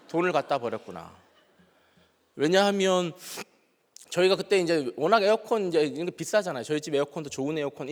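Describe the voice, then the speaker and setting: A male pastor preaching a sermon, telling a personal story and acting out his own past dialogue. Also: fairly high pitch. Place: church sanctuary. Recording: long church hall reverb.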